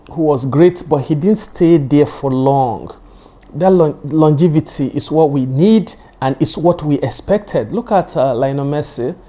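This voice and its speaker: The host of his own show, this Yoruba-speaking football pundit talks through matches solo in a chatty, wandering style, repeating points for emphasis and leaning on "you know." His voice is mid-range with a dark tone.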